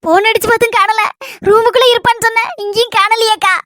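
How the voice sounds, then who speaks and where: Fast, bright woman with a Kanyakumari accent. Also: very high-pitched, fairly even intonation, slight background noise. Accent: Kanyakumari Tamil. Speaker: comedy sketch performer. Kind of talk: one-person village comedy skit.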